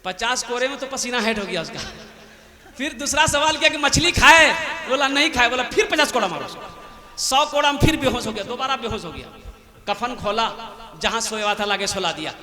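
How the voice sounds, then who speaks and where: High, bright-voiced man preaching in an echoey hall. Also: a little fast. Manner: rousing, calls out for donations and prayers; tells a comic folk tale in a lively, animated way. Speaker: Islamic preacher at a religious gathering. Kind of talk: fundraising sermon with storytelling. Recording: echoey hall from a public address system.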